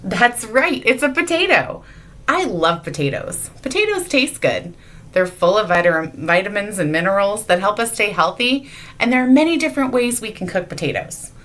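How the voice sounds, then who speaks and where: In a church sanctuary, a woman leads a children's sermon, giving a playful object lesson in which she teases her young listeners and asks them questions. Her medium-pitched voice is expressive and a bit bright, at a normal speed.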